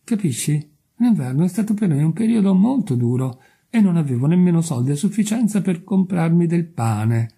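A man's voice: a little high, lively intonation, normal speed, vocal fry, warm tone, slightly rough, pitched above the performer's own voice, heavily acted. A man voicing a naive, kindly little gardener who speaks humbly and eagerly.

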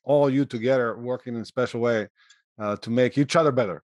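Earnest coach, dry sound. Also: male voice, medium pitch, a little fast, a little mellow, no echo. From Croatia. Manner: earnest, adds "right?" to check in. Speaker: college throwing coach, host. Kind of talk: casual interview chat.

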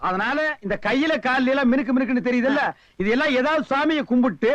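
High-voiced mocking scold. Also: male voice, fast talker, a bit bright, no room sound. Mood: lecturing. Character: sharp-tongued man mocking a crowd of beggars. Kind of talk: film comedy dialogue. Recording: dull lo-fi film soundtrack.

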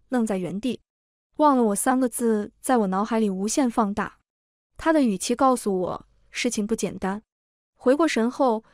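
A woman narrating a first-person emotional story in a steady, even reading voice. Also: a little high, dry recording, clean studio sound.

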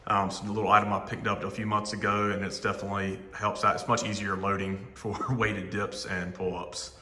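Holding a phone camera as he walks, a man in his forties gives a relaxed, chatty tour of the equipment in his home gym, filling gaps with "um." His voice is a little low yet bright and forceful. The bare room leaves a long reverberant ring behind each word.

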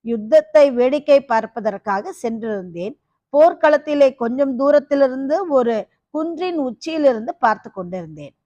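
A fearsome, half-crazed kapalika woman with a harsh voice, read by a woman. She tells her tale with dramatic relish. High voice, dry and slightly dull recording. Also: animated, normal speed, mellow, no room sound.

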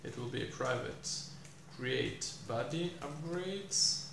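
A young man teaching programming while he codes, thinking aloud with many fillers and pauses, recorded in a small room. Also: medium pitch, animated, gravelly. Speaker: programming tutor. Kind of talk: live coding explanation. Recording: echoey room, faint hiss.

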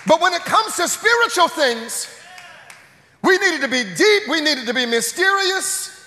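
Emphatic man preaching a sermon, high bright tone, big hall echo. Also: unhurried, a faint crowd. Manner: emphatic, shouts key phrases, animated asides. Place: church sanctuary. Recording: echoey church sanctuary.

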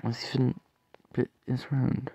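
A young man reading fan-made stories aloud, stumbling and halting with asides, over faint background noise. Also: medium pitch, monotone, vocal fry, mellow, slightly rough, dry recording, rough recording.

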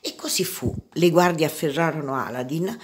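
A woman primary school teacher reading a storybook aloud to children, clear and gentle. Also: low voice, moderate pace, a little hiss or hum.

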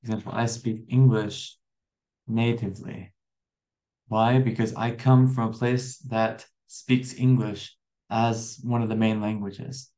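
An American man in his twenties teaches an online English lesson in a friendly way, repeating words and asking the viewer questions. His voice is on the low side, mellow, flat and unhurried.

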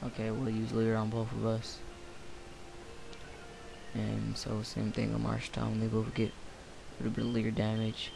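A man's voice: on the low side, completely flat delivery, a little slow, vocal fry, long pauses, background noise. A tired young man rambling through casual let's-play commentary late at night, offhand and full of fillers. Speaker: gameplay commentator. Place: home room, late night.

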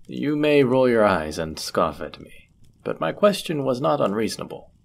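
Playing a deep-voiced, courteous medieval innkeeper, a man speaks with a creaky voice in an intimate roleplay piece. His delivery is gentle, polite, and measured, and he uses formal, old-fashioned wording.

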